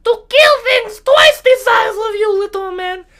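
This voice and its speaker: A man voicing a boastful venomous creature in a squealing, very high voice. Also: lively intonation, a little slow, bright, forceful tone, full character voice. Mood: gloating.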